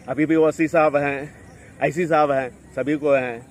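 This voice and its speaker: A man, a local eyewitness giving a street interview, rambling and repetitive and clearing his throat often. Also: a little high, fairly even intonation, measured pace.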